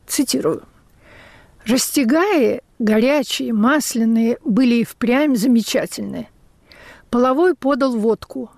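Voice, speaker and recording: A woman radio essayist reading her memoir-style script in a measured, reflective way. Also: fairly high pitch, a little mellow, no room sound.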